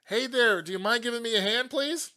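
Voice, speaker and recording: Young mother, as a man puts her on, squeaky falsetto, calling loudly. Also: fairly quick. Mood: pleading. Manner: high-pitched, put-on falsetto. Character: young mother asking a neighbor for help.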